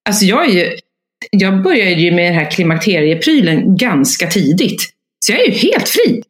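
A woman's voice: mid-range voice, reverberant. A middle-aged woman chatting casually as a podcast host, telling anecdotes with lots of expression and acting out bits of dialogue. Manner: lively storyteller, acts out voices in anecdotes. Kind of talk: casual chat.

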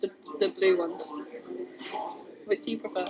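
A woman's voice: mid-range voice, fairly even intonation, normal speed, crowd noise. A woman co-hosting a casual podcast, answering in short teasing replies. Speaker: podcast co-host. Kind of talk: casual chat. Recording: dull lo-fi home recording with loud noise.

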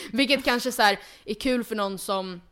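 A woman's voice: a little high, animated, a bit bright. Chatty woman podcast host. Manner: chatty, many fillers and restarts. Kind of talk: casual chat.

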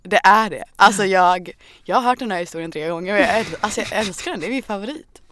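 A woman co-host in casual chat, teasing and encouraging her friend with quick jokes. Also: mid-range voice, fairly bright tone, a little hiss or hum.

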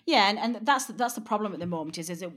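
Lively woman hosting a football chat. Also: mid-range voice, fast. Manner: lively, teasing, steers the talk. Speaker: podcast host. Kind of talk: casual football podcast chat.

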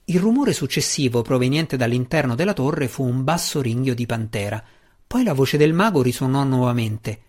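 A man reading a fantasy novel aloud as audiobook narrator, in a steady, measured way. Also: medium pitch. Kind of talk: scripted narration.

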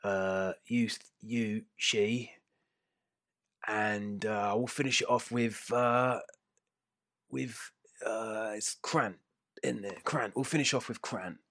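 Battered old fight-pit boss with a lisp, played by a man, casual and breezy, fairly low, dry. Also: fairly even intonation, slow, a bit bright, no echo.

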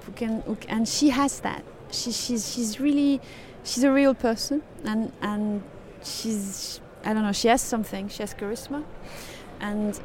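A woman's voice: fairly high pitch, a little mellow, slight background noise. A woman journalist with a French accent, answering interview questions in English with frequent restarts and hesitations. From France. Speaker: radio journalist.

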